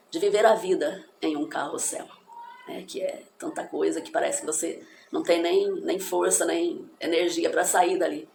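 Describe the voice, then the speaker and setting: A woman's voice: deep voice, creaky, darkish tone. A woman giving an encouraging, reflective English lesson in which she spells out pronunciations. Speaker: English teacher. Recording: echoey room with faint background noise.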